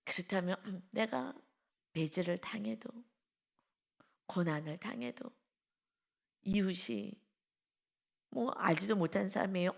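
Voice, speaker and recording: A woman pastor preaching an early-morning sermon, emphatic and full of rhetorical questions to the congregation, moving between hushed lines and loud emphasis. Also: medium pitch, unhurried, gravelly, long pauses.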